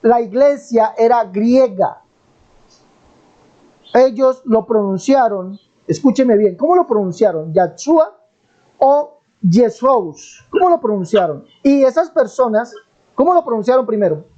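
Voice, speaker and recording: A man's voice: very high-pitched, animated, mellow, muffled recording. A Colombian man with a Colombian accent teaching the Bible in a live online debate, pressing his point and repeating his question insistently. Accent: Colombian Spanish. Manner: preachy, emphatic, drawn-out stresses.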